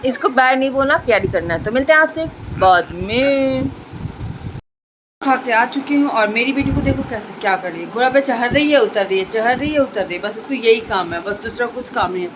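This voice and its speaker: A woman's voice: on the high side, lively intonation, quick pace, hardly any pauses, noisy background. A young woman chatting to her viewers in a casual home vlog, filmed on a phone. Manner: chatty, talks straight to viewers. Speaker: vlogger. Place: home and rooftop, indoors and out.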